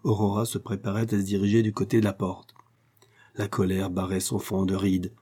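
Brief: male narrator, low mellow voice, measured classic-novel reading. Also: monotone, breathy edge. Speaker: audiobook narrator. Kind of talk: scripted narration.

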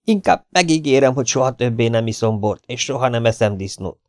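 A man voicing an excitable, easily frightened male camp master who pleads in a high, shrill voice. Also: no echo, clean studio sound, lightly acted. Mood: pleading.

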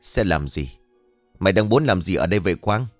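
Man playing a harsh middle-aged mother, scolding, fast, sharp, lively pitch, dry sound. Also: no echo, soft background music.

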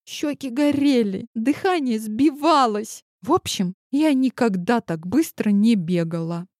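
A woman narrating a story in the first person, lively and expressive. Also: a little high, measured pace, no echo, clean studio sound. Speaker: audiobook narrator.

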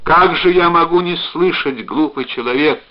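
A man's voice: high voice, sing-song, drawn-out words, voice pushed up, exaggerated voice. A man reading aloud and voicing a frightened, tearful woman who cries out and pleads over a bad phone line. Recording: dull lo-fi recording.

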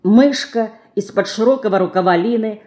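A woman's voice: medium pitch, moderate pace. Woman reading an audiobook aloud. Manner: expressive storybook reading. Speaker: audiobook reader. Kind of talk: scripted narration.

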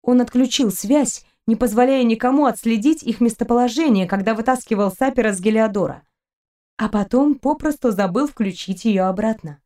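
Audiobook narration: woman reader, steady storytelling. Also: fairly high pitch, moderate pace. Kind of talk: scripted narration.

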